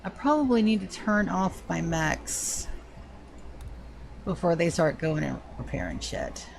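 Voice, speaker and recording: The recording is rough with slight background noise, and her voice is on the low side, sing-song, a little slow and full of vocal fry. This woman from Georgia, with a slight lisp, offers casual live gameplay commentary, chatting with viewers and greeting them by name.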